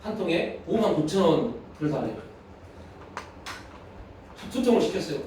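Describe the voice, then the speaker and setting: Male pastor, high voice, earnest sermon, picked up from a distance in a booming sanctuary. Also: very animated, moderate pace, darkish tone, a little hiss or hum. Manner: earnest, telling a personal story. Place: church sanctuary. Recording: echoey hall from far off.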